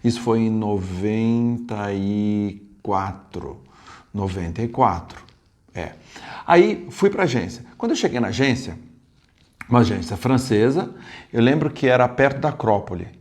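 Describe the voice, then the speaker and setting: A man from Brazil telling a travel story to camera in a casual, animated way, with many asides and restarts. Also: lowish voice, a little slow. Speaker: travel vlogger.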